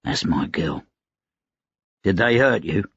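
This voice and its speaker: A man's voice: low-pitched, animated, slow pace, gravelly, a bit bright, husky, dry recording, dull audio, exaggerated voice. A man voicing a weary, worn-out investigator. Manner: tired, terse, strained.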